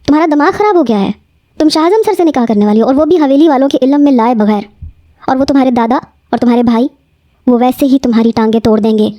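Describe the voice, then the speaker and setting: A woman's voice: a little high, steady tone, warm tone, natural voice. A woman voicing a blunt young female friend who scolds in disbelief. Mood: alarmed scolding. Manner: scolding, incredulous.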